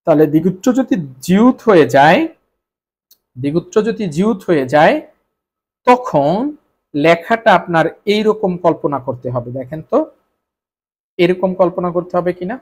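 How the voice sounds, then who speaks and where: A man's voice: sits high, animated, normal speed, long pauses, darkish tone. A Bengali-speaking man teaching Korean spelling rules, repeating each point and answering his own questions. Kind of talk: explaining grammar rules to students.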